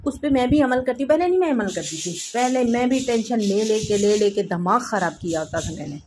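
In her home kitchen, a woman in her thirties with a sore throat hosts a cooking vlog, chatting warmly to viewers about life and faith, offering casual advice and religious blessings in a reflective way. Her mid-range voice comes with a little hiss or hum.

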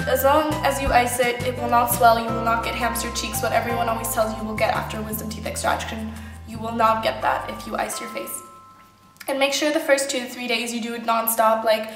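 Casual female vlogger, young adult, informal and emphatic, roomy home sound with clear background music. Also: on the high side. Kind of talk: casual personal chat to camera. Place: indoor home kitchen. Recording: echoey room, music behind voice.

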